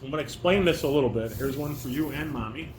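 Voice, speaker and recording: A fast-talking man with a mid-range voice leads his family's table read, firmly giving a child instructions, asking questions and correcting. The recording has an echoey room and background noise.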